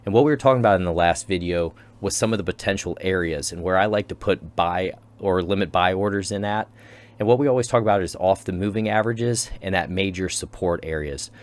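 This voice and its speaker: A man's voice: deep voice, brisk. A man hosting his own channel, talking casually through chart analysis and repeating key terms as he explains. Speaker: crypto channel host.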